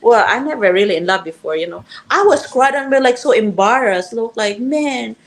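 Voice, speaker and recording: A woman from Cebu with a Filipino accent, a guest telling her story in lively, simple, broken English. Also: a little high, normal speed. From Philippines (Cebu). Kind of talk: casual storytelling interview.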